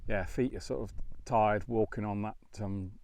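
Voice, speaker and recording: A man's voice: fairly low pitch, fairly even intonation, moderate pace, gravelly, mellow. Hesitant man on a moorland hike. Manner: rambling and hesitant, many ums. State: slightly out of breath. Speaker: hiking vlogger. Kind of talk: casual vlog commentary. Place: open windy moorland outdoors.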